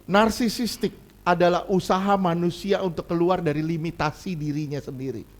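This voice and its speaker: Male pastor, higher-pitched voice, lively conversational sermon delivery with loud punches and quiet asides. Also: moderate pace. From Indonesia.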